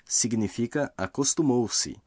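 A man narrating a scripted language lesson, explaining grammar rules slowly and carefully. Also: mid-range voice, darkish tone, no echo, studio quality.

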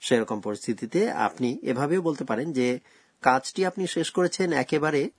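A man presents a scripted language lesson, walking through grammar rules slowly and with care. His voice is husky, and the recording is dry and close with no room sound. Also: medium pitch, lively intonation, no room sound. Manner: slow, careful explaining of grammar rules.

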